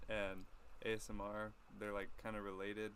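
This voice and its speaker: A man's voice: fairly low pitch, completely flat delivery, moderate pace, fairly bright tone, a little hiss or hum. A young man in casual chat, laid-back and a little nervous, with dry jokes. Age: young adult. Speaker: vlogger's partner. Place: outdoors in sunlight.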